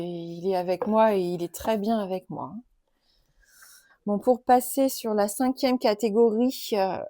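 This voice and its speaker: A woman presenting oracle and tarot cards in a casual video, chatty and gentle, with many fillers. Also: mid-range voice, no echo, clean studio sound. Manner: gentle, enthusiastic about nature and cards. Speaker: tarot and oracle card youtuber. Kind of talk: casual card-showing tag video.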